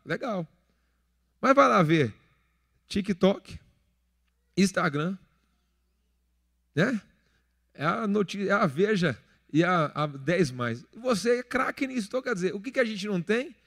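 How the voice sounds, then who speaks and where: A man's voice: high voice, expressive, a little slow, long pauses, a bit bright. A man in his thirties with a Brazilian accent, preaching a sermon in a conversational, joking way and acting out little everyday scenes. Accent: Brazilian Portuguese. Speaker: pastor. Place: church hall. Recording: long church reverb.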